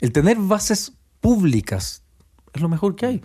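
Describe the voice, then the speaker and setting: A Chilean man on a radio panel talks in an earnest, argumentative way, stacking up lists of points. His voice is mellow and dark, and sits slightly high for a man. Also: sing-song, a little slow, slightly rough. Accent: Chilean Spanish. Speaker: panel guest.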